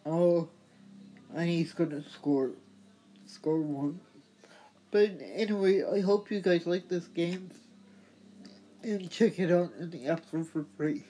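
A middle-aged man with a husky voice hosting a gameplay demonstration, explaining simply and deliberately. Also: fairly high pitch, dark tone, slight background noise. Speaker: host showing a mobile game.

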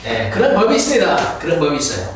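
Animated male teacher in an echoey room. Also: a little high, fast talker. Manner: drills words by repeating them, animated teacherly delivery. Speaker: English teacher. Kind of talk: recorded vocabulary and pronunciation lesson. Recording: very echoey room, distant mic, faint hiss.

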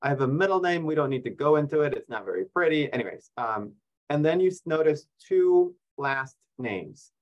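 A man's voice: fairly high pitch, animated, moderate pace, muffled recording. Ecuador-born man giving a seminar talk. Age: 40s. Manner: friendly, explanatory, light self-deprecating humor. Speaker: guest speaker, fisheries biologist. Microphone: video call.

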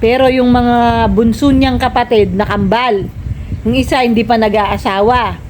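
Older woman vlogger, nagging and rambling, highish voice, faint hiss behind. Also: steady tone, a little slow. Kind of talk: casual family vlog, scolding.

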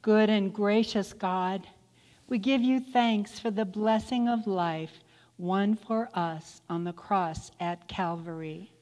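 A woman reading liturgical prayers slowly and carefully, heard with a cathedral-like church echo. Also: mid-range voice, darkish tone. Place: church sanctuary. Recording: long church-hall reverb.

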